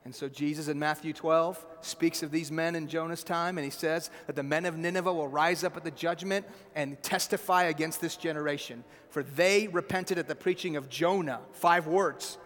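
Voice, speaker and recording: A man delivers a sermon in a high-pitched voice, pressing each point with direct asides to his listeners. His voice rings out with long reverb, as if in a large hall. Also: steady tone, normal speed, few pauses, a bit bright. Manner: emphatic, addresses listeners directly with repeated asides. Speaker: preacher.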